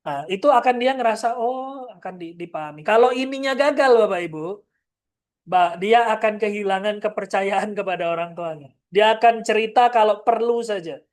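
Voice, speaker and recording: A woman's voice: medium pitch, moderate pace, darkish tone. A woman giving a parenting seminar in a direct, firm manner, often turning to address the parents in the audience. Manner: acts out short parent-child exchanges. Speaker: parenting trainer. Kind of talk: seminar lecture.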